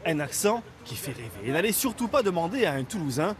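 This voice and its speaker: A man reporting the news with a high, very lively voice. His delivery is playful and bright, and his pitch jumps around a lot. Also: quick pace, crowd noise.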